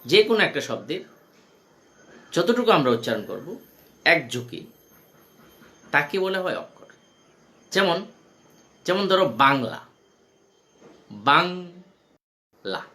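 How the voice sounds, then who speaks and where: A man's voice: on the high side, sing-song, unhurried, long pauses, pushed and bright. A man lecturing college students, explaining step by step and often repeating questions to the class. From India.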